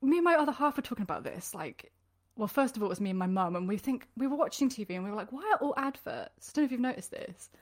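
A woman with a mixed southern English accent, hosting a casual chat. She is chatty and giggly and makes quick asides. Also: on the high side, animated. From England, born in the southeast, raised in the southwest. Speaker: podcast host. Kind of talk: casual video-call chat.

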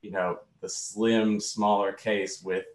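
A man's voice: lowish voice, level tone, slow, a little hiss or hum. An easygoing man, a guest in a casual group chat. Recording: roomy echo.

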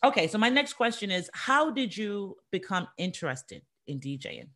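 A woman from the Bronx hosting a casual interview, animated and chatty. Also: medium pitch, moderate pace. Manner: animated, chatty, says y'all and dope. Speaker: host.

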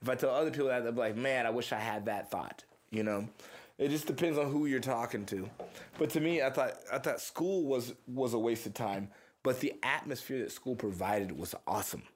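In a mid-range voice that runs a little fast, a young man from the Houston area rambles through stories as an interviewed musician. His talk is casual, relaxed, and full of profanity.

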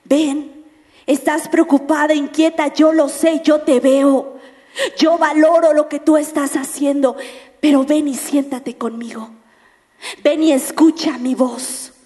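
A woman preacher voicing Jesus as a gentle, kind man speaking tenderly and slowly. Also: sits high, in a large hall.

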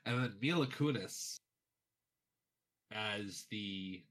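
A man's voice: lowish voice, takes it slowly, fairly bright tone. A man chatting casually with friends, wry and grumbling, often trailing off. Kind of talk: casual chat.

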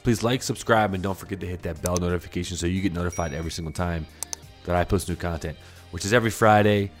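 Upbeat man with a very low voice. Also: fast, soft background music. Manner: upbeat, laughs easily, casual slang. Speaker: podcast host. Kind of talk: casual podcast chat.

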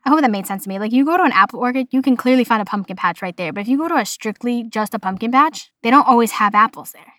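A woman's voice: on the high side, animated, quick pace, hardly any pauses, fairly bright tone, dry recording, clean studio sound. A woman with a Boston accent hosting her own podcast, chatting in a bubbly, rambling way. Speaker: podcast host. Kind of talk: casual solo podcast chat.

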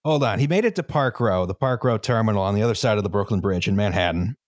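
A man's voice: on the low side, expressive, fast talker, dry recording. Man explaining in a dry recording. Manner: explains at length, tags lines with "right?", many fillers. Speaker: podcast host presenting the history. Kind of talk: casual history podcast chat.

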